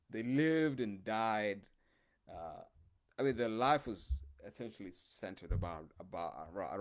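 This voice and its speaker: Low-voiced man rambling. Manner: rambling, hesitant, many fillers. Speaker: podcast host. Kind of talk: casual monologue.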